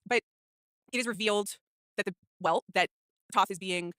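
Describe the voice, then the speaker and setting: A woman's voice: medium pitch, normal speed, fairly bright tone, dry recording, clean studio sound. A woman co-hosting a podcast, chatting casually about a film in a rambling way, full of false starts and filler words. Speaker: podcast co-host.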